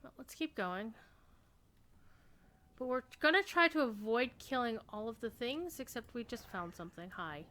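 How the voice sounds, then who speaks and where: Bright-voiced woman streaming a game. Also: a little high, lively intonation, moderate pace. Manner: chatty and joking, talks to herself while playing. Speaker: streamer playing an online game. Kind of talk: casual gameplay commentary.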